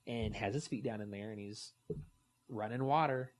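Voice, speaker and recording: A man with a fairly low voice co-hosts a casual podcast. He tells long stories in an animated way. He acts out the quoted lines as he goes. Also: normal speed. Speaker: podcast co-host. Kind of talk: casual chat.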